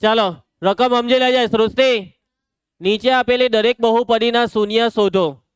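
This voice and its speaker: Gujarati male teacher, high and smooth, brisk and teasing with students, dry close mic. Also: fairly even intonation, dry recording. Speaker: maths teacher. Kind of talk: classroom lesson.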